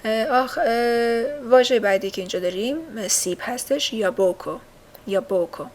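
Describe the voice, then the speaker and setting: A woman giving a recorded language lesson, patiently repeating words slowly and drilling her learners. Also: a little high. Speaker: language teacher.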